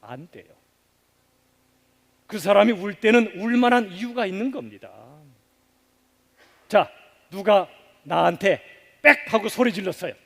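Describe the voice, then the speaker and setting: A man preaching a sermon as pastor, asking the congregation questions and leading them in repeating phrases, with loud stresses that drop to hushed endings. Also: high voice, moderate pace, vocal fry, long pauses. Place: church sanctuary. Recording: long reverb of a church sanctuary.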